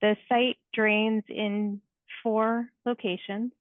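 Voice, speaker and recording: A woman's voice: mid-range voice, flat delivery, slow, no room sound. Woman engineer on a tinny call line. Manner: clear, organized walkthrough. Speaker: project engineer. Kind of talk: technical presentation. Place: video call meeting. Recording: tinny phone-like call audio, dry.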